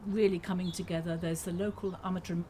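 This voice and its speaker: A woman's voice: fairly low pitch, level tone, fast, mellow. A woman chatting keenly as an interview guest, a town crier who often repeats herself in eager agreement. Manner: keen, agreeable, often echoing and repeating her affirmations. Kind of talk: casual interview chat. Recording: clear background noise.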